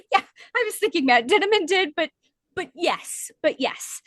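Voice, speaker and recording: High-voiced woman co-hosting a podcast. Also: dry recording. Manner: explains at length, lively and emphatic. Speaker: podcast co-host. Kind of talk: casual book-discussion chat.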